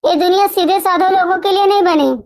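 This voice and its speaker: A smug, scheming young man, as a woman storyteller puts him on, talking down to his elder brother in a storybook tale. The voice sits high, and his manner is dismissive. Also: fairly even intonation, fairly quick. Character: cocky scheming young man, later broken.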